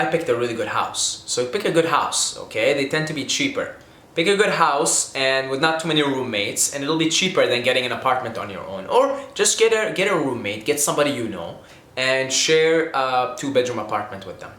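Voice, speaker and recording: This young Syrian vlogger gives money advice to camera in an animated, fairly quick mid-range voice that's a bit bright, with few pauses. His casual talk is earnest and meandering, full of restarts and "okay?". The room echoes.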